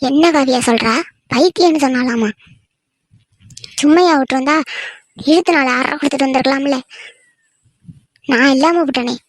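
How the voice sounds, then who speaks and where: A grumbling, sharp-tongued village mother for a cartoon, as a woman voices her. Her voice sits high and is recorded dry and close, and she scolds and complains in long runs. She sounds weary and defensive. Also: moderate pace, long pauses, no room sound, natural voice. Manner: grumbling, scolding, talks to herself. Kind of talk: cartoon voice acting.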